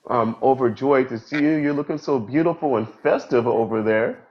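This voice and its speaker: A man's voice: medium pitch, moderate pace, lo-fi sound. A man hosting a live stream interview, talking enthusiastically and effusively. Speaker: host.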